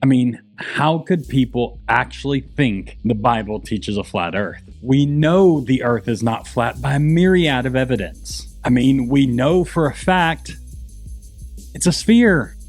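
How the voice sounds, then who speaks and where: A man's voice: mid-range voice, expressive, unhurried, hardly any pauses, a little mellow, faint music behind. A man hosting an explainer video, delivering scripted commentary in an emphatic, sarcastic way with rhetorical questions. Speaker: host of a Bible-explainer video channel.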